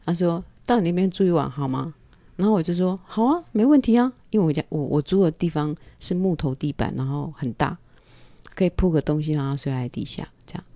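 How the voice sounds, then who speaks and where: A woman, telling a personal story at home in a calm, hesitant way with many pauses and fillers. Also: deep voice, no echo. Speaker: vlogger.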